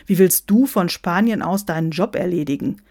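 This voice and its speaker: A woman putting on a gruff, pot-bellied Father Christmas with a bass voice who blusters and mocks the others. He sounds loud and sure of himself. The sound is dry and close. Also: moderate pace, dry recording. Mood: mocking. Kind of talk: storybook reading with voices.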